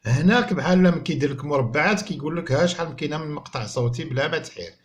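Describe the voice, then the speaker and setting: A man with a Moroccan accent teaching a French reading lesson to young pupils. He sounds out each word slowly and clearly, then explains it quickly. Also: on the high side. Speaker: primary school teacher.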